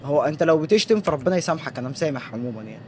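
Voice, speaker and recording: A man with an Egyptian Arabic accent narrates his horror game run at a quick clip, joking and bantering with the figures on screen. His voice sits a little high. A faint noise runs underneath. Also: animated. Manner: joking, talks back at the game. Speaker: let's play gamer.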